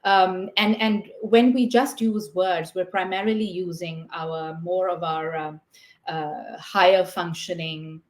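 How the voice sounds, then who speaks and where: Woman from Pakistan, roomy low-toned webinar voice. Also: fairly even intonation, slow. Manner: thoughtful, explains step by step with frequent fillers. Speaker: guest art therapist. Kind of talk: explanatory interview talk. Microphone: video call.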